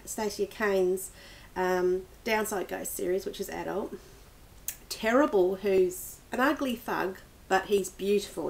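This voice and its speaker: A woman's voice: medium pitch, vocal fry. A woman reviewing books in a casual, rambling vlog, with many restarts and small laughs. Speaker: book vlogger. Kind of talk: casual book review chat.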